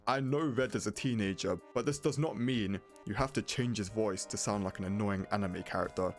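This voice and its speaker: A man's voice: fairly low pitch, a little fast. A man narrating a scripted video game review in a blunt, casual way. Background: prominent music.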